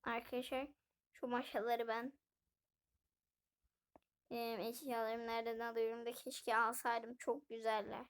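Woman, high voice, chatty gameplay narration, talks straight to viewers. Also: little pitch movement, a little slow, pauses often. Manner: chatty, keeps addressing viewers directly. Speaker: gaming video host. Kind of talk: casual let's-play narration.

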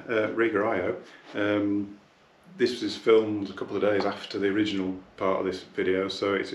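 A man's voice: on the low side, echoey room. A man who runs a hi-fi shop, chatting casually while he unboxes gear, thinking aloud, sometimes drifting off the mic. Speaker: hi-fi dealer. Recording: noisy room tone with clicks.

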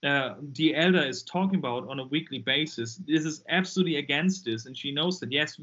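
A man from Germany with a German accent, speaking English as a guest in an interview about his ministry, earnest and animated. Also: fairly high pitch, brisk. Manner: earnest, animated, acts out quoted voices. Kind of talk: casual interview over a call. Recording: muffled lo-fi call audio.

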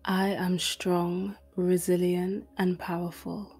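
A woman narrates a guided meditation script in a soft, breathy hush, keeping an extremely slow, even rhythm with a nearly flat pitch. Her soothing voice is accompanied by quiet music.

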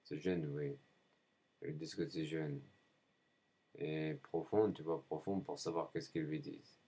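A man in a rambling spoken monologue, halting often and repeating himself as if answering his own questions. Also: a bass voice, fairly even intonation, mellow, slightly rough. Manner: halting, frequent hesitations.

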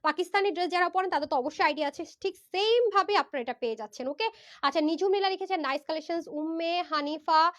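Brief: hoarse woman seller, high voice, rapid persuasive live pitch on a phone. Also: fairly bright tone. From Bangladesh. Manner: fast, persuasive, mixes in English words. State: hoarse from a fever. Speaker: online clothing seller. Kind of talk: live-stream sales pitch. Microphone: phone livestream.

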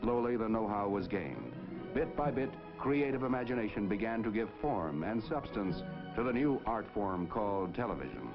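A man's voice: lowish voice, sing-song, normal speed. 1950s broadcast man, lo-fi with music. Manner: stately, declamatory announcer delivery. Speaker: narrator. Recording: dull lo-fi 1950s film soundtrack with music.

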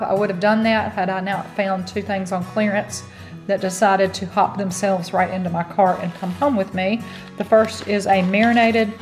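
A middle-aged woman hosting a cooking channel, chatting casually and talking through prices and meal plans, filmed at arm's length in a parked car. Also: medium pitch. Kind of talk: casual vlog chat.

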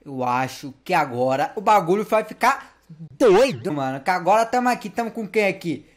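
A man giving casual gameplay commentary, slangy and playful, talking to the game's characters and getting excitable in the action. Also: sits high, normal speed, faint music behind. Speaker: gameplay youtuber.

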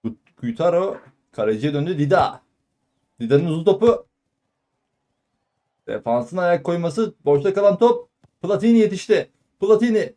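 A man giving live football play-by-play in clipped phrases, calling out player names and shouting excitedly at goals and shots. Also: sits high, moderate pace, pauses often. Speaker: football commentator. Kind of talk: live play-by-play match commentary.

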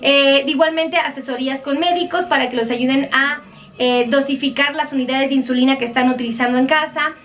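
A woman's voice: high voice, steady tone, fairly quick, fairly bright tone, distant mic, muffled recording. A woman doctor with a Mexican accent giving earnest, pleading health advice to viewers on a live stream.

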